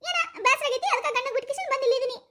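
A woman playing a brash shrill village daughter. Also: rapid-fire, sharp tone. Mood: defiant. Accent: North Karnataka Kannada. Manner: shrill, mocking, laughing retorts. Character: defiant young woman back from husband's home, brash.

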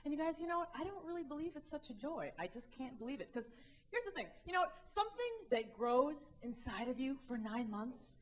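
Her voice sits high and her pace is fairly quick as this Midwestern stand-up comedian in her thirties works an indoor comedy club stage. Mic in hand, she keeps the set wry and animated, voicing the people she quotes.

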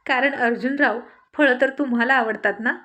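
Lady reading as shy giggly young wife, high-ish voice, scolds her hubby playfully. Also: moderate pace, sharp tone. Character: laughing, bashful young wife.

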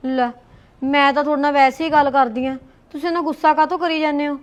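A woman playing a dutiful young married woman who talks quickly and pleads her case. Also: high voice, fairly even intonation, a little hiss or hum, close to an everyday voice. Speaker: daughter-in-law. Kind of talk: short film acting.

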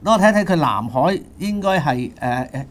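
A man's voice: fairly high pitch, sing-song. A man with a Hong Kong Cantonese accent, co-hosting a casual panel talk, questioning and seeking agreement. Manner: fast, questioning, keeps asking "係嘛". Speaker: co-host.

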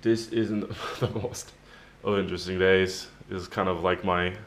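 A man in his twenties chatting casually to the camera at home, sounding tired and low-key, rambling with pauses. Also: steady tone. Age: 20s. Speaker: daily vlogger. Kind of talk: casual vlog chat to camera. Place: home kitchen-living room, indoors. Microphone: camera at arm's length.

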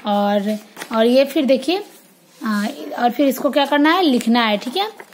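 A woman teaching a kindergarten class online, with a fairly high voice. She drills letters and words slowly and in a sing-song way, as a teacher speaking to small children does. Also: animated, slight background noise.

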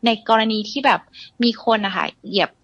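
A woman's voice: mid-range voice, normal speed, a bit bright, dull audio, a little hiss or hum. A young adult woman calling in to share a ghost story, talking casually with lots of polite fillers and often addressing the host. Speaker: caller sharing a ghost story.

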